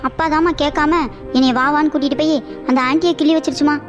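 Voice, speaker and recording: Woman voicing a little cartoon boy, whiny, pleading, tattling, high voice. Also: steady tone, quick pace, faint music behind, lightly acted. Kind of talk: animated cartoon voice acting.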